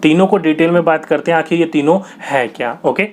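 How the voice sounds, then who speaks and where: A man's voice: on the high side, a little fast, a little mellow. A young man teaching a grammar lesson for exam prep, asking questions and answering them himself in a patient, repetitive way.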